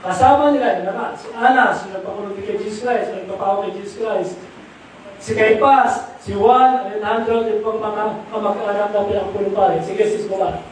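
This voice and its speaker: A man's voice: high-pitched, a little fast. A middle-aged or older man preaching a sermon, mixing English into his talk and asking the audience questions. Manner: mixes English into Tagalog, asks the audience rhetorical questions. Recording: echoey room from far off, faint noise.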